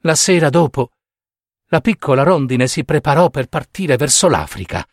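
A man narrating a fairy tale in an expressive, unhurried storybook style. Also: fairly high pitch.

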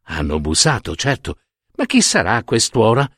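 A poor, contented shoemaker who fusses over his work and ponders simple pleasures, as a male narrator plays him. He talks low and unhurried in a homely storybook voice. The recording is close and dry. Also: sing-song, no room sound, exaggerated voice. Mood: homely, musing. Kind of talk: storybook reading.

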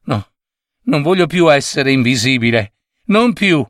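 A man voicing a lonely invisible schoolboy who calls out and pleads in a high, tearful voice. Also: wildly swooping pitch, slow pace, fairly bright tone, no room sound, studio quality, full character voice. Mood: tearful pleading. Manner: high, crying pleas.

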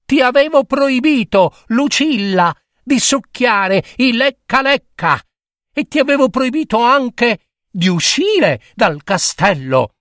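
A man's voice: very high voice, very animated, slow pace, fairly bright tone, no room sound, clean studio sound, voice pushed up, exaggerated voice. A man voicing an anxious king and father who sobs and frets. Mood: scolding. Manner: pleading, sobbing. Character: anxious, tearful old king, a fretful father.

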